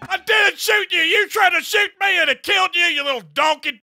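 A man voicing a savage, angry drill sergeant, barking shouted insults over online game voice chat. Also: very high voice, fairly quick, gravelly, loud music behind the voice. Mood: indignant.

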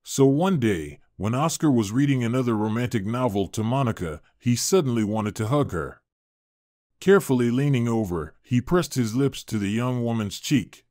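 A man narrating a dramatic story in a smooth, expressive reading style. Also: mid-range voice, moderate pace, dry recording, clean studio sound.

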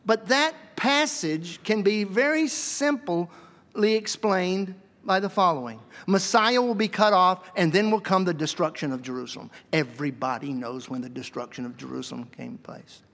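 High-voiced guy giving a lively jokey lecture, big echoey hall sound. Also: moderate pace. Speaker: seminary lecturer.

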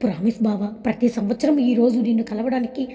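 A woman's voice: a little high, fairly even intonation, a little fast, warm tone, close to an everyday voice. Playful affectionate young woman, as the narrator reads her. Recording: long hall reverb.

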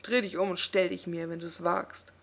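A woman reading aloud and voicing a bitter, contemptuous male undead death knight, speaking in a hissing, husky way. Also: lowish voice, little pitch movement, moderate pace. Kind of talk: audiobook reading.

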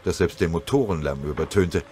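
A man narrating a war audiobook in a steady, dramatic reading. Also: deep voice, fairly quick, noisy background. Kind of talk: scripted narration.

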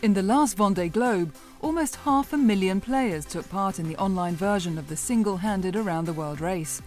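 A woman narrating a sailing news show in a measured, polished broadcast style. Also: medium pitch, a little mellow, soft background music. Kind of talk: scripted sports news narration.

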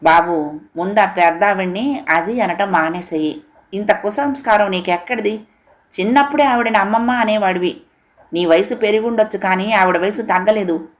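A woman reading aloud, voicing a calm but firm elderly father who speaks gravely. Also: lowish voice, close to an everyday voice. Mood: stern. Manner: measured and grave, firm when stern.

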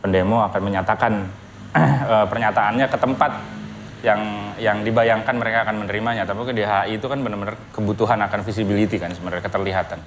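A man answering in a documentary interview, halting and repeating words as he searches for the right one. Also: lowish voice, steady tone, slight background noise.

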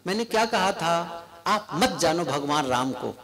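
A man giving a devotional sermon to a live gathering, speaking slowly and often asking the audience questions. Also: fairly high pitch, animated. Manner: slow, questioning, with rhetorical asides to the audience. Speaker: spiritual preacher. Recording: crowd noise from a live gathering.

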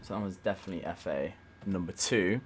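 A man's voice: low voice, fast talker, noisy background. A young man giving let's play commentary on a desktop mic, swearing a lot with jittery nervous laughter. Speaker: gamer.

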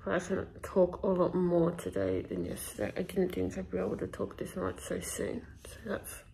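A woman's voice: lowish voice, sing-song, moderate pace, gravelly, mellow. A young woman in her twenties chatting to a vlog from a hospital bed, sore and tired, her words stiff and muffled by a swollen jaw with ice packs. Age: 20s. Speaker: patient vlogging her recovery. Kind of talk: casual vlog chat. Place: small hospital room, in bed. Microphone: phone at arm's length. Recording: noisy hospital room on a phone.

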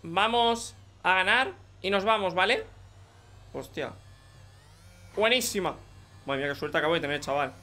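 Excitable young Spanish gamer, bright voice. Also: male voice, sits high, moderate pace, pauses often. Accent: Spanish from Spain. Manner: excitable, joking, talks to teammates. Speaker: gaming YouTuber. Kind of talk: live gameplay commentary.

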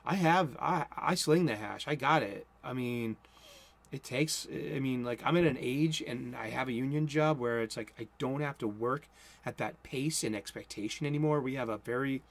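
With a creaky, medium-pitched voice at normal speed, a man in his forties preaches an informal sermon in a cluttered home room. His Boston accent comes through as he rambles and interrupts himself. When excited, this host mumbles and picks up speed.

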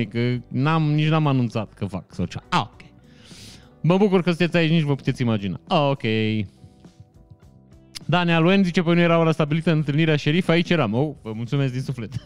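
A Romanian man with a clean, somewhat high voice hosts a casual live stream. He greets viewers by name and answers chat comments, laughing often.

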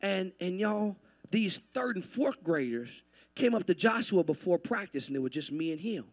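A middle-aged man preaching a sermon as pastor. His folksy storytelling to the congregation builds into shouted preaching. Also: high voice, sing-song, moderate pace. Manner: folksy, speaks to the congregation as y'all.

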